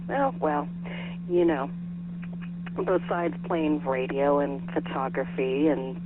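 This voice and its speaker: A woman hosting an amateur radio net as net control, chatting informally over a two-way radio. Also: deep voice. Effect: two-way radio transmission. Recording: tinny narrow radio link with faint hum.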